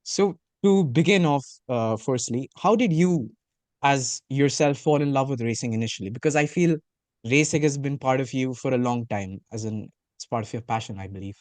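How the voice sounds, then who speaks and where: A man's voice: mid-range voice, moderate pace, darkish tone, no room sound. A man hosting a podcast, opening formally and asking long rambling questions. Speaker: podcast host.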